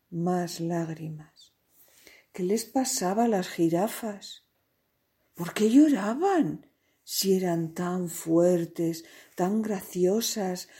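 A woman reading a children's story aloud in an expressive, playful way, with sound effects. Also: fairly low pitch, slightly rough.

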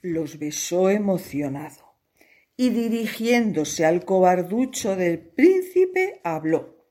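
A woman narrating a children's tale in a slow, playful way. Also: lowish voice, dark tone. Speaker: storyteller.

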